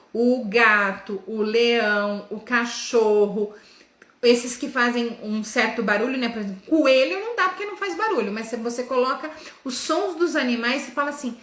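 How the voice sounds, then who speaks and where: Woman, teacher's lesson, bright tense voice, didactic check-ins, sounds out syllables, echoey room. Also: on the high side. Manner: sounds out letters and syllables slowly in demonstrations. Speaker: educator.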